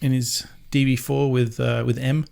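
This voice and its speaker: A podcast co-host from Sydney chats casually, rambling, restarting sentences midway, and laughing easily. His Australian accent is mild, softened by years in America. He speaks at a moderate pace in a medium-pitched, flat, darkish voice with some vocal fry.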